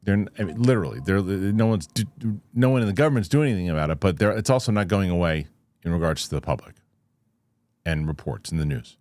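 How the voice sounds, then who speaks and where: A show host with a fairly low voice offers casual, unscripted news commentary, recorded dry with no echo and little room sound. He speaks haltingly and skeptically, thinking aloud and throwing rhetorical questions at the viewer.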